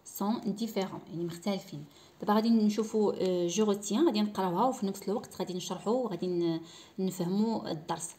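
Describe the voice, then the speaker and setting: A woman teacher with a Moroccan Arabic accent gives a school lesson. She talks slowly and repeats words to model how they are said. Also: mid-range voice, dark tone.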